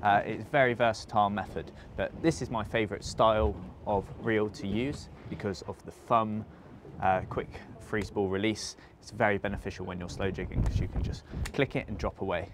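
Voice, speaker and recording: Young male boat skipper, easygoing how-to delivery, on a camera mic out on deck with clear wind and sea noise behind him. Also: fairly low pitch, moderate pace, hardly any pauses. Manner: relaxed, practical explaining with fillers. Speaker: fishing charter skipper. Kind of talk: instructional fishing tips to camera.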